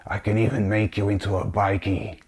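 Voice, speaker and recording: A man's voice: on the low side, little pitch movement, brisk, darkish tone. A man voicing a menacing demon that speaks through a woman, with a crusty, threatening voice. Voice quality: crusty, gravelly.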